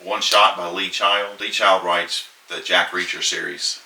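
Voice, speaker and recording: A man's voice: low-pitched, fairly even intonation, measured pace, gravelly, bright, forceful tone. A man hosting, reading reviews aloud with casual chat and often breaking into laughter as he reads. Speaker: host reading book reviews. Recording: echoey room, distant mic, noise.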